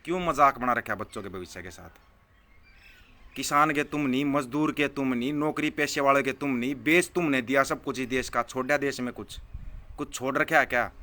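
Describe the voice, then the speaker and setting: A man's voice: medium pitch, a little fast, bright, forceful tone. A man, ranting angrily and scornfully to his viewers, hammering his points home by repeating them. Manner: scornful, heated, repeats phrases for emphasis. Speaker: political vlogger answering viewer comments. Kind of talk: angry live political rant.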